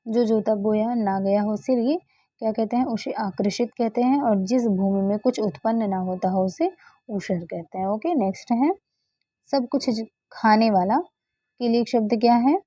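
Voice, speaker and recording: A woman's voice: on the high side, moderate pace, dark tone, dry recording, highs cut off. A woman tutor going through exam questions one by one, repeating key answers patiently and moving on with short fillers. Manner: frequent "ठीक है" and "okay, next है" fillers.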